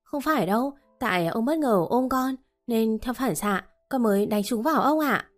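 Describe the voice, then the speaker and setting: A woman's voice: fairly high pitch, animated, moderate pace, faint music behind. A woman voicing a timid young orphan maid who answers politely and fearfully. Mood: meek. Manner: meek, polite.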